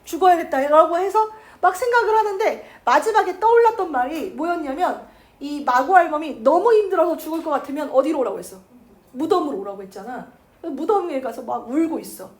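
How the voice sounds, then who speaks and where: A woman teacher giving a chatty literature lecture, acting out the characters' lines in quick asides. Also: high-pitched, animated, a little mellow. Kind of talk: lively lecture retelling a classic novel.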